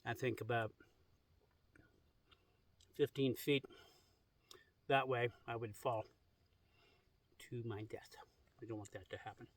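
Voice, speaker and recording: A man's voice: mid-range voice, fairly even intonation, takes it slowly, pauses often, no room sound, distant mic. A man casually vlogging from a clifftop campsite outdoors, rambling with lots of fillers. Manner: rambling, easygoing, many fillers. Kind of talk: casual camping vlog.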